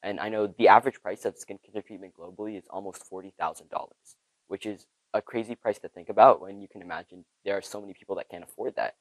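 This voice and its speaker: A man's voice: lowish voice, fairly even intonation, quick pace, no echo, poor audio. A teenage boy from Ethiopia answering interview questions, eager and thoughtful. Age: teens. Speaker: student inventor.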